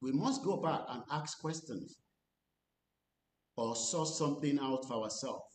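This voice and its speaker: A man giving earnest commentary, switching between English and Yoruba. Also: a little slow. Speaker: channel host. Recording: echoey room with faint rumble.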